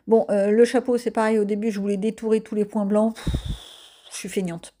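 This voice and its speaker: A woman's voice: medium pitch, level tone, a little fast, dark tone, slight background noise. A woman giving a casual voice-over of her coloring session as an art vlogger. She talks in a chatty, self-mocking way, with frequent hesitant fillers.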